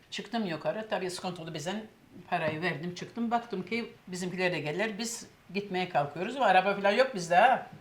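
An older woman, casually telling a long anecdote and acting out what others said. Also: on the low side. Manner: lively storyteller, acts out quoted voices. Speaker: cooking show host telling a story.

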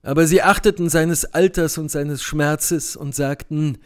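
A man narrating a retold classic play as an audiobook, in measured storytelling that drops low on the speech tags. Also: steady tone, clear, resonant tone. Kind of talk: scripted narration.

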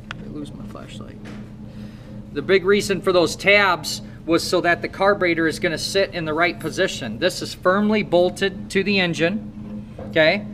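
In a hands-on shop demonstration, a motorcycle technician instructor quizzes his students while coaching them through the repair. He's a man in his thirties with a Midwestern American accent, and his voice has a fairly high pitch and a fairly bright tone. Slight background noise is present.

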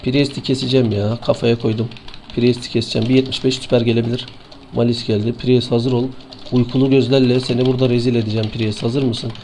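A man with a Turkish accent streaming an online game, sleepy and excitable, swearing and taunting opponents as he plays. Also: medium pitch, quick pace, a little hiss or hum. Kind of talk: live gameplay commentary.

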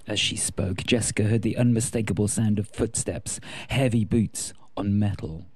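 A man narrating a story in a measured, steady audiobook style. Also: fairly low pitch, husky.

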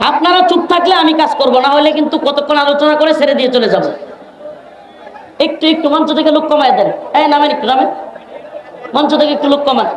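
A man preaching to a large gathering from a stage, scolding and pleading with the crowd to settle and chanting scripture. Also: very high voice. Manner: scolding and pleading with a noisy crowd, stern warnings; chants scripture slowly in a sung tone. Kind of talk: outdoor religious sermon to a crowd. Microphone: microphone through loudspeakers. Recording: echoey PA with crowd noise.

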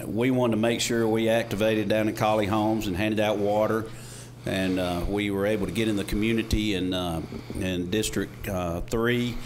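Low-voiced folksy Southern US man. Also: darkish tone. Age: middle-aged. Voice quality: trouble pronouncing R's. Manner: folksy, conversational. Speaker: mayor. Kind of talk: informal thank-you speech at a public meeting. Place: indoor council chamber. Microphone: podium gooseneck microphone. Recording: clear background noise, room ambience.

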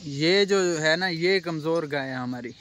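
A man's voice: fairly high pitch, measured pace, fairly bright tone, a little hiss or hum. A young man from Pakistan vlogging a casual walking tour of a cattle farm, guiding viewers and asking the workers questions. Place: outdoor rural cattle farm.

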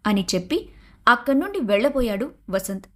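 A woman narrating an animated moral story in a steady storytelling manner. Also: fairly high pitch, a little fast. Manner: even, storytelling narration between dialogue.

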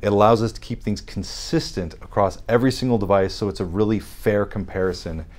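A man in his thirties with a fairly low voice, walking through technical detail in a measured, precise manner. He speaks as an interview guest, seated in a dim studio. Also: fairly even intonation, a little mellow. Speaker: guest audiologist.

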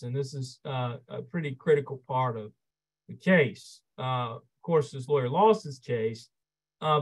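Brief: male lawyer-presenter, slightly high voice, explanatory webinar delivery, dynamic inflection. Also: poor audio. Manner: expressive, shifts loudness and pace for emphasis; measured, explanatory, occasional fillers. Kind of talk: instructional webinar talk.

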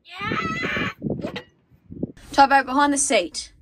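Her voice is high, with huge pitch swings, and she talks extremely slowly over background noise. She's a young Australian farm vlogger in her twenties, chatting casually about farm work into a phone camera at arm's length from her car, a tractor, or the paddocks, in a wry, blunt style full of swearing.

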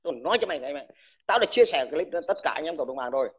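A man's voice: fairly high pitch, animated, very fast, breathy edge. A man who is an army veteran, delivering an angry, insulting rant to someone in a livestream and stammering over repeated words when heated. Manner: combative, insulting, addresses the listener with crude terms. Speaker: army veteran speaking out online. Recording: dull lo-fi recording.

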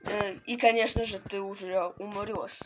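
A woman voicing a crazed, gloating male mad scientist professor in an amateur toy animation, speaking haltingly. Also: mid-range voice, little pitch movement, close to an everyday voice. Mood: menacing. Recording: noisy home recording with clicks.

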